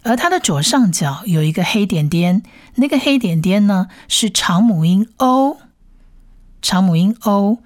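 A woman's voice: mid-range voice, expressive, a little slow, no echo, studio quality. A woman teaching a Bible Hebrew reading lesson, patiently spelling out letters and repeating each sound several times. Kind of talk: slow step-by-step reading lesson.

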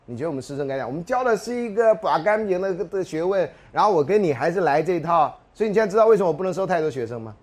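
Animated, fast-talking male lecturer. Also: high-pitched. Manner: animated storyteller, acts out dialogue, frequent rhetorical questions. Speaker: university sociology lecturer. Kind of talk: anecdotal classroom lecture.

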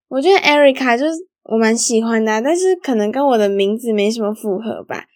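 A young woman chats through her own stories as a solo podcast host, giggly and loose, with fillers all through her speech. Her voice sits a little high. The recording is close and dry, with no room sound. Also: quick pace, darkish tone, no room sound. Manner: chatty and giggly, lots of fillers like 好啦 and 反正. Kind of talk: casual solo storytelling.

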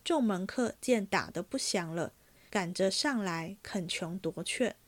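A woman reading a classic novel aloud as a podcast host, in steady, measured storytelling. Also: medium pitch.

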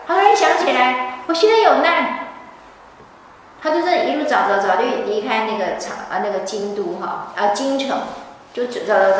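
A woman's voice: fairly high pitch, a little hiss or hum. A woman giving a scripture lecture, telling the story animatedly. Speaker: religious teacher. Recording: echoey hall from far off.

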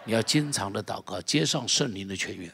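A man pastor preaching a sermon in an animated way, leading the congregation in repeating phrases. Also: fairly low pitch, brisk, gravelly, a little hiss or hum.

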